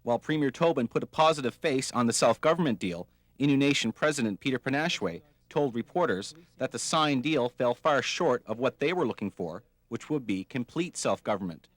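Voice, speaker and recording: A man's voice: mid-range voice, expressive, brisk, few pauses, dry recording. A man reading a scripted television news report as a reporter.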